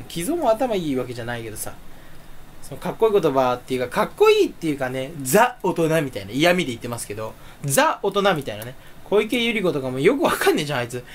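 A man chatting alone in a rambling, self-mocking way, with sudden jumps up in pitch. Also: wildly swooping pitch, fast talker, slight background noise. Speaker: streamer. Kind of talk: casual solo chat.

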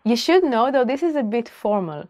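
A young woman teaching a language lesson to camera, repeating each phrase slowly and clearly before explaining it. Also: fairly high pitch, sing-song, mellow, dry recording, clean studio sound. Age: 20s. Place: indoor studio, plain backdrop.

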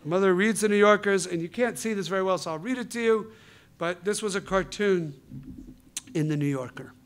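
A man's voice: high voice, a little fast, smooth. A middle-aged man from New York giving a university lecture, telling stories and acting out dialogue with humor. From New York, USA. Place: lecture hall.

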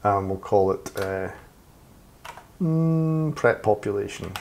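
Low, mellow man explaining code while typing. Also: expressive, takes it slowly, vocal fry, a little hiss or hum. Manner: talks while typing, thinking aloud with fillers and self-corrections. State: slightly hoarse, losing his voice. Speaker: programming tutor. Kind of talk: screen-recorded coding tutorial. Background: keyboard typing and clicks.

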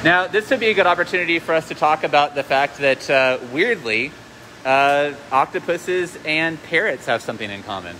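A man with a slightly high voice speaks through a face mask, with some pump hum around him. He co-hosts casually, relaying questions and guesses in an educational live talk. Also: animated, moderate pace, bright, forceful tone. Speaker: co-host relaying viewers' guesses. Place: noisy indoor aquarium work room. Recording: noisy pump-filled room hum.

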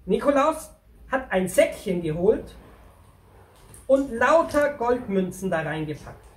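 A performer acting as a kids' storyteller voices a friendly male pack donkey, chatting and speaking directly to the children. The voice is medium-pitched, sing-song and slow. The recording is roomy and distant, captured from away from the mic.

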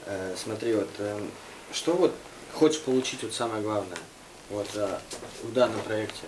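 A man's voice: on the low side, normal speed, a little mellow. A man interviewing guests in a prompting way, following up on their answers. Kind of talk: casual interview questions. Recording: distant mic with background noise.

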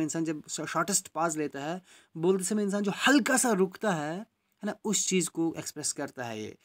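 His voice sits high as he teaches grammar to exam students. Frequent "right?" checks and English phrases run through the lesson, and example sentences get read out slowly.

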